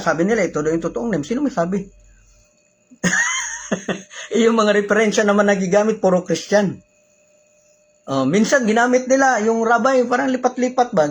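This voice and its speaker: A Filipino man with a fairly high, slightly husky voice teaches religious law to his community. He switches easily between Tagalog and English, keeps his speech polite, and poses rhetorical questions before he answers them. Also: moderate pace, low-quality recording. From Philippines.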